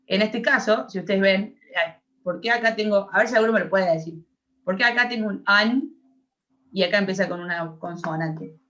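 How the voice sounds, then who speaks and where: A woman's voice: mid-range voice, fairly bright tone. Argentine woman tutoring, dull lo-fi audio. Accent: Argentine Spanish. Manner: explains patiently, checks the class follows. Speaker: English tutor. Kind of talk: online class explanation.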